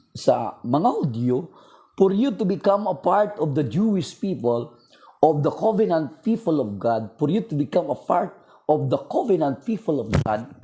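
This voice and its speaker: A man's voice: a little high, dark tone. A man giving an informal religious talk from home, earnest and repeating key points for emphasis, his voice strained.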